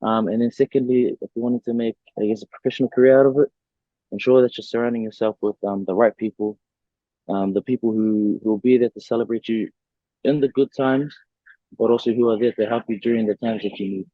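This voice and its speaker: A young New Zealand man, a rugby player, answers interview questions casually over a video call, his medium-pitched voice moving a little fast. He's relaxed, full of fillers and restarts, and the audio is dry and tinny with no room sound.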